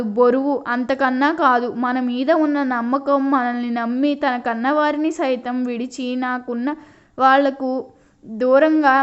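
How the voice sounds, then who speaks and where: A woman's voice: high voice, clear, resonant tone, lo-fi sound. A woman reading a caring young doctor husband.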